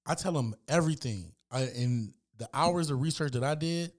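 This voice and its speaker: A man co-hosting a podcast in casual chat, laying out facts in a relaxed, laid-back way. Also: medium pitch, normal speed. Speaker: podcast co-host.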